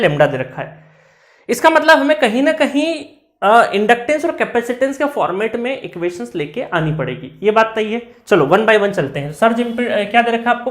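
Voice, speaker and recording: A male lecturer working through exam problems step by step, reading each question aloud slowly and checking in with frequent tag questions. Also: high-pitched.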